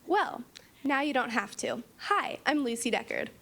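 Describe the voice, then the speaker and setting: High-pitched young woman giving a confident startup pitch. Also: moderate pace, creaky, sharp tone. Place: meeting room, standing before seated judges.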